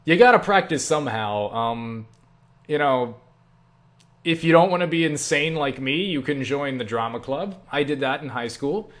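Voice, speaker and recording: Answering viewer questions as an online creator, a young man speaks at a moderate pace in a medium-pitched voice. He's casual, rambling and self-deprecating, slipping in animated asides with acted-out quotes.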